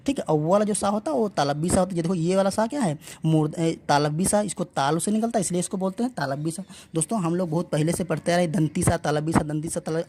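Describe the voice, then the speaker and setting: In a lowish, dark-toned voice, a woman teaches an exam-prep lesson, drilling letter sounds aloud. She asks questions and then answers them herself, addressing viewers as friends.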